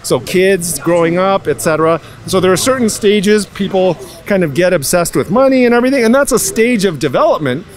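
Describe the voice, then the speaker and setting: High-pitched and lively in intonation, this young man talks fairly quickly with hardly any pauses. A passerby in an outdoor night street interview, he muses philosophically and asks rhetorical questions into the interviewer's handheld mic.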